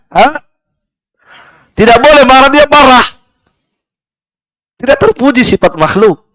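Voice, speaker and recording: A male preacher with a fairly high voice leads a live study session in a prayer room, firing rhetorical questions at his listeners and answering them himself. Now and then he slows into a chanted Arabic recitation. The sound is close and dry, with almost no room echo. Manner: lively and rhetorical, keeps asking the room "kenapa?" and answering himself. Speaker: ustadz teaching Quran exegesis. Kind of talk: live sermon-style study class.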